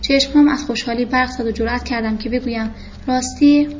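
Woman narrating a novel, fairly high voice. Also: fairly even intonation, highs cut off, a little hiss or hum. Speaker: audiobook narrator.

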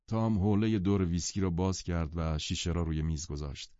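Low, dark-voiced male narrator. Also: dry recording. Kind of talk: audiobook reading. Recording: dull lo-fi audiobook sound.

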